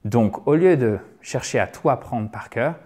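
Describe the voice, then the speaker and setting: A man teaching a relaxed online lesson, checking in often with a quick "ok?" and repeating key words slowly for drill. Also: mid-range voice. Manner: frequent "ok?" check-ins. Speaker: English teacher.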